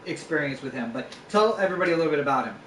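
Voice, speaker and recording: A talkative man hosts a casual home podcast, his fairly high voice sounding roomy and a little distant. There is a faint hiss behind him. He teases and argues his points playfully. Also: expressive, rapid-fire, fairly bright tone. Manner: chatty, playfully argumentative. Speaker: podcast host. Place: home room.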